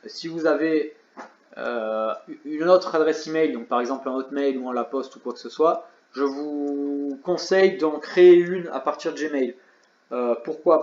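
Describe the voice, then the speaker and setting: A tired man hosting a casual e-commerce tutorial, chatty, with self-mocking asides. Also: medium pitch. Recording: roomy, slightly dull sound.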